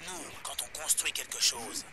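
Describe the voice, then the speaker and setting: A man's voice: mid-range voice, normal speed, loud music behind the voice. An actor playing a ranting, preachy male radio broadcaster in a video game, heard as a fading shortwave radio broadcast. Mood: defiant rant. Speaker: radio show host.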